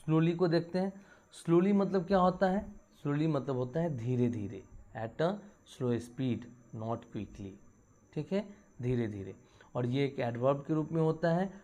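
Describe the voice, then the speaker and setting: A man teaching English grammar in a slow, measured way, his voice dark and mellow. He explains each word in Hindi and reads English example sentences out slowly and deliberately, often pausing to check that the class is following. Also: fairly high pitch. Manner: frequent checks like "ठीक है" and "है ना". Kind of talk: bilingual grammar lesson.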